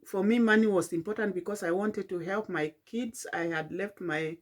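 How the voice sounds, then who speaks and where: A middle-aged Kenyan woman telling a late-night personal vlog in a tired, halting, reflective way, with many fillers and restarts. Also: medium pitch. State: tired and yawning. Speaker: vlogger.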